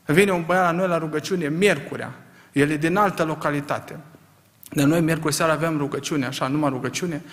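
Emphatic preacher in a long-echoing hall. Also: male voice, fairly high pitch, steady tone. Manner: emphatic, rhetorical questions, swings from quiet to loud. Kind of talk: sermon.

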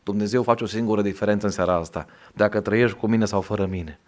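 A man preaching a sermon in a Romanian accent, talking plainly to the congregation and then climbing into loud, high, emphatic exhortation. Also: fairly even intonation.

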